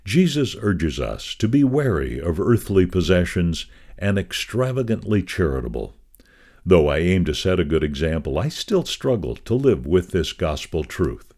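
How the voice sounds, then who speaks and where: A man with a very low voice reads a devotional magazine column aloud. His reading is measured and scripted, and his intonation rises and falls in wide, lively swings. He keeps the same steady, expressive delivery throughout.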